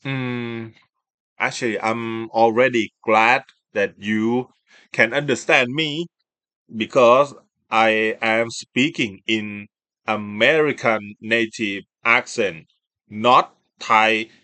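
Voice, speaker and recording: Man, slow pace, forceful tone, halting and repetitive, casual opinionated chat. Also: medium pitch, no room sound. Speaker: host of a self-recorded video.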